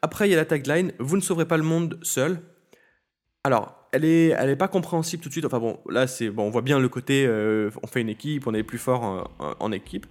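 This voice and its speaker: A man's voice: medium pitch, fast, hardly any pauses. Hesitant French-speaking man hosting a podcast. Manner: hesitant, many fillers and restarts. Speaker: podcast host. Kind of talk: casual solo podcast talk.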